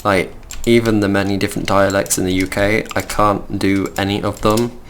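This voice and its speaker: A man's voice: on the low side, little pitch movement, normal speed, slight background noise. A young man from the middle of England with a Midlands accent, chatting casually and rambling as he plays and hosts a game video. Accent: Midlands English. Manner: chatty, rambling, easily distracted. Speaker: gaming channel host.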